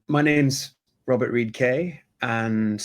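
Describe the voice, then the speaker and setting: A man's voice: mid-range voice, slow pace. Chatty British-accented man, video-call guest. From Hong Kong. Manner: chatty, laughs often, many fillers and restarts. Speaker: guest, sourcing company co-founder. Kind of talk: conversational interview answers.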